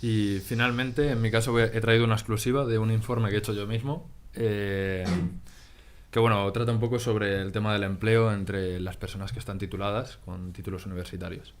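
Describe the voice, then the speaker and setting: A man in his twenties from Spain hosting a relaxed chat with friends, laughing easily and restarting his sentences. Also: lowish voice, a little fast. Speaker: podcast host. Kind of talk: casual chat.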